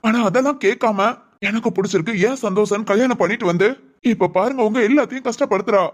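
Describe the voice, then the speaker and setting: A woman's voice: fairly high pitch, fast talker, natural voice. A woman voicing a ranting, stubborn cartoon son. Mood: indignant. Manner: indignant, ranting and insistent. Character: hot-headed adult son, protective and stubborn. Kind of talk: Tamil family cartoon voice acting.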